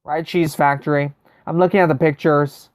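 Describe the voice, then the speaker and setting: This American livestream host has a fairly high-pitched, clean, resonant voice, speaking at normal speed with a steady tone. He's chatty during gameplay, thinking aloud and responding to viewers' messages, and the sound is very dry with no echo.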